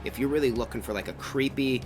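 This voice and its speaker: Over background music, a fast-talking man with a medium-pitched voice co-hosts a laid-back haunted attraction review, wandering through anecdotes and dropping in quoted asides.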